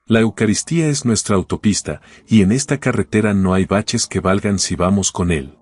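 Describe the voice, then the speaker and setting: A man voicing a calm, cheerful teenage boy who reassures scared passengers. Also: on the low side, normal speed, slightly rough, no echo. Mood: reassuring. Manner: upbeat, reassuring call to stay calm.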